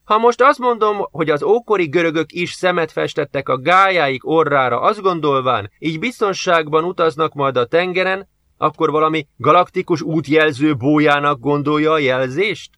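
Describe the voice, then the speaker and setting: Guy putting on a high, slow know-it-all old professor type, dry close sound. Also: pushed and bright, no echo. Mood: lecturing. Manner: lecturing, drawn-out, high-pitched. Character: fussy old male scientist, condescending.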